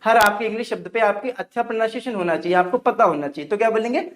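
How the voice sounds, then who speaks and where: A man's voice: high voice, quick pace, fairly bright tone, reverberant. A Hindi-speaking man with an Indian English accent teaching English pronunciation, asking questions and answering them himself. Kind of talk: online English pronunciation lesson.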